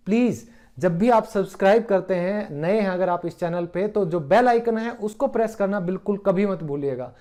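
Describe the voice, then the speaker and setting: A man giving an online grammar lesson as an English teacher. He asks the viewer questions, answers them himself, and reads the example sentences slowly and clearly. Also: sits high, mellow.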